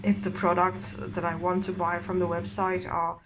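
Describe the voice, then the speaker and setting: A woman's voice: on the low side, completely flat delivery, normal speed. A drunk woman from Eastern Europe rambling casually in an opinionated, sweary rant, recorded in a bathtub at home. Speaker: vlogger and novelist. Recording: clearly noisy bathroom ambience.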